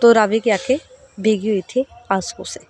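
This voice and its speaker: A woman's voice: medium pitch, steady tone, normal speed, darkish tone, slight background noise. A woman narrating a romantic story in a casual, chatty way, mixing in English words and fillers.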